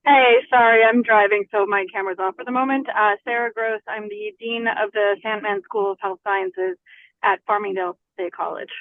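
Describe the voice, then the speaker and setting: A woman calling into an online meeting from her car while driving, introducing herself quickly and apologizing for her camera being off. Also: medium pitch, steady tone, no echo. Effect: speakerphone call from a moving car. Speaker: meeting participant, college dean. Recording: tinny phone-line audio.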